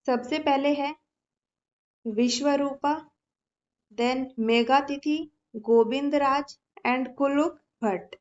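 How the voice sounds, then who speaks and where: High-voiced woman teaching slowly. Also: darkish tone, dull audio. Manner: explains patiently, repeats words, checks in often. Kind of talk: exam-prep lesson with memory tricks.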